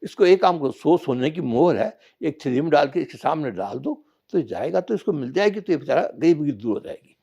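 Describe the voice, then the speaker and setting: A man's voice: a little high, expressive, brisk, gravelly, mellow, breathy edge, dull audio, full character voice. A man voicing goddess Parvati, a kind female deity, coaxing and pleading for the poor in a told parable. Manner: coaxing, pleading on others' behalf.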